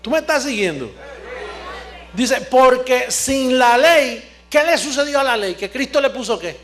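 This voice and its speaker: Male TV preacher, very high voice, emphatic call-and-answer sermon style, faint music underneath. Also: expressive, measured pace, some chatter behind. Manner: emphatic, asks the audience questions and answers them; swings from low asides to shouting. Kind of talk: televised sermon.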